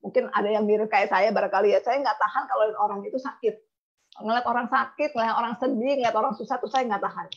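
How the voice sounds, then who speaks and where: Woman speaker, gravelly and husky, emotional storytelling, dull lo-fi recording. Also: a little high, fairly even intonation, fast. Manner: emotional, acts out quoted dialogue. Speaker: insurance agent giving a talk. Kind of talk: personal storytelling talk.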